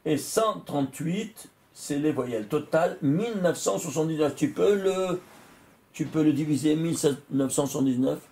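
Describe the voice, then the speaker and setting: Male rabbi, high voice, teaching a class, quizzes listeners and works through sums aloud. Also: animated, normal speed, darkish tone. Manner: quizzing listeners with rhetorical questions. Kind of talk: Torah lesson to a class.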